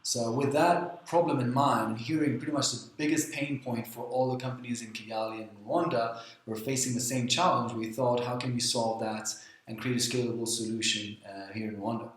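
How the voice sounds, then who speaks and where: A young Swedish-born man, a guest on a podcast, talking in a relaxed, friendly way with frequent ums. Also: mid-range voice, a little fast. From Sweden. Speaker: guest, founder of a talent accelerator. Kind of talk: casual interview talk. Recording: echoey room.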